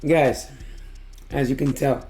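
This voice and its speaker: A man with a hoarse, tired voice giving a casual, excited music reaction in slangy, emphatic talk. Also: mid-range voice. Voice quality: hoarse, worn-out voice from losing it. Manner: slangy, emphatic, drawn-out exclamations. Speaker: music reaction video host.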